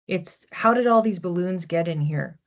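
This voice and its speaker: A woman with a fairly low voice and lively intonation gives a psychic reading at a moderate pace, captured on a dull lo-fi recording. She muses aloud hesitantly, often repeating words as she searches for the images coming through.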